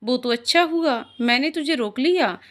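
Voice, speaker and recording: A woman voicing a young man who is worried about his friend and scolds his wife loudly. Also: high voice, lively intonation, normal speed. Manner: loud, scolding.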